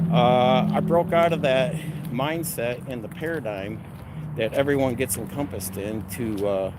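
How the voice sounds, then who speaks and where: A middle-aged man talking casually in a rambling vlog, with a blunt, salty, abrasive manner. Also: medium pitch. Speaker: vlogger. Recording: noisy outdoor or vehicle ambience.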